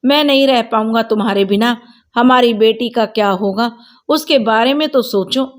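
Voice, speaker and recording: A woman's voice: a little high, normal speed, natural voice. A woman voicing a stressed husband caught between his wife and mother, begging his wife to stay, in her own voice. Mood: pleading. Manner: pleading, then scolding.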